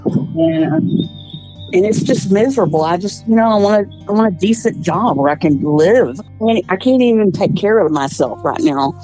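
A woman speaking in a casual interview, weary and halting. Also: mid-range voice, expressive, dark tone, soft background music. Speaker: mother of the accused family.

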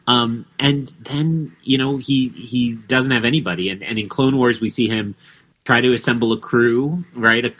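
A man chatting on a podcast as a guest, excitable, with many restarts and fillers. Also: medium pitch, slightly rough. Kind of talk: casual podcast chat.

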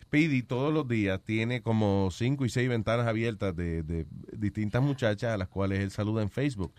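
A man's voice: on the low side, brisk, a little mellow, no room sound. A man hosting a radio show in casual banter, joking and mixing Spanish and English.

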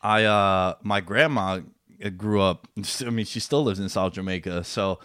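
A man's voice: low-pitched, measured pace, fairly bright tone, smooth, no echo, studio quality. A man, hosting a casual interview in a laid-back, slangy way. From Queens, New York. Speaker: interviewer host.

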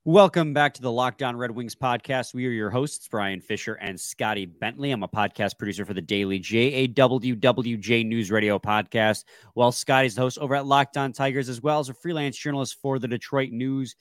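A man co-hosts a casual sports podcast, trading laid-back, joking banter in a stuffy, congested voice. He speaks at a medium pitch and a fairly quick pace. The clean studio sound has no echo.

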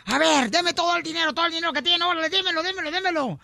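A man's voice: extremely high pitch, fairly quick, vocal fry, sharp tone, dry recording, pitched above the performer's own voice, heavily acted. A man voicing a demanding male burglar in a joke, insistent and pushy.

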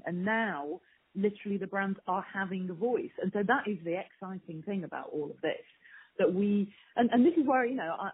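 A woman with a mid-range, slightly rough voice answers interview questions as a strategy executive, sounding earnest and emphatic. The recording is poor, with a muffled, phone-like lo-fi sound.

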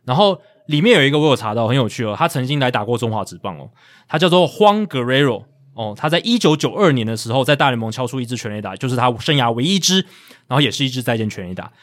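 Fast-talking Taiwanese host reading stats. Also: male voice, mid-range voice, animated, fairly bright tone. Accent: Taiwanese Mandarin. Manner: reads out stats, explains, with asides. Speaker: podcast host. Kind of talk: casual sports chat.

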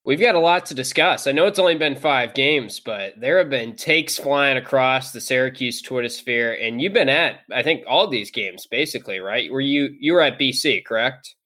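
A man hosts a sports podcast, guiding the conversation with loose, friendly questions. His voice is bright and forward. He sits at a middle pitch. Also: moderate pace, few pauses. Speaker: podcast host. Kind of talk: casual podcast chat.

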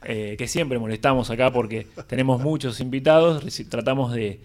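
A man's voice: medium pitch, fairly even intonation, normal speed, slight background noise. A man hosting a radio studio interview, talking, hesitant and full of fillers. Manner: hesitant, many fillers and affirmations. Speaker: radio host. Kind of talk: casual interview.

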